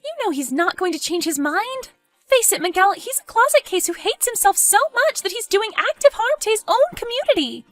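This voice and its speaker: A woman voicing an excitable, pushy young woman friend in an animated story, exclaiming and goading. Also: extremely high pitch, normal speed, no room sound, faint music behind, pitched above the performer's own voice, heavily acted.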